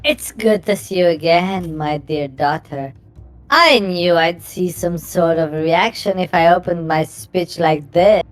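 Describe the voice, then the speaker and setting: A woman voicing a gloating villain witch mother who taunts in a condescending, drawn-out way in a visual novel. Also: on the low side, faint music behind, close to an everyday voice.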